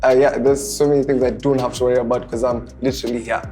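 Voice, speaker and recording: A man in his twenties hosting a relaxed group chat, talking in halting bursts full of restarts and fillers. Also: medium pitch, faint music behind. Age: 20s. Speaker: host. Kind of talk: casual chat.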